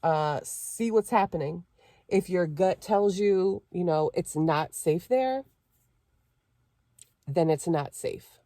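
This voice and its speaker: A young woman vlogging casually from inside her parked car, chatty and quick to laugh as she talks through what she is doing. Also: fairly low pitch, lively intonation, dark tone, no echo, studio quality. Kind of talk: casual vlog chat.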